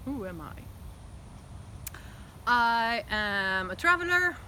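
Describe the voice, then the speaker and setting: A Belgian woman in her 30s whose first language is French speaks slowly in a sharp tone, her voice on the high side with big pitch swings. Standing outdoors in front of her house, she's reflective, open and talkative in a candid personal interview, recorded on a phone camera with traffic noise around her.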